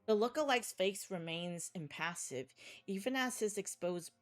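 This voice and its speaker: A woman's voice: medium pitch, expressive, measured pace. A woman streamer dramatically reading a text game aloud, stumbling now and then and reacting bluntly.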